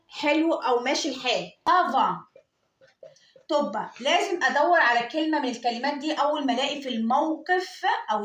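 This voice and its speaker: A woman's voice: sits high, echoey room. A woman with an Egyptian Arabic accent teaching French for exam prep, explaining step by step and answering her own questions. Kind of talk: classroom exam-prep lesson.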